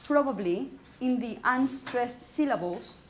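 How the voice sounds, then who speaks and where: A woman's voice: fairly high pitch, expressive, measured pace, slight background noise. A woman teaching a classroom pronunciation lesson, patiently correcting students and often checking "okay?".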